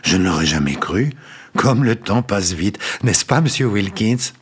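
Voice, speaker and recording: A man reading a story aloud, voicing a sweet-talking landlady who gushes and flatters in a raised voice. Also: lowish voice, a little slow, breathy edge, heavily acted. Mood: sugary. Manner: gushing, honeyed, flattering. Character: sweet-talking older landlady, fussy and cloying.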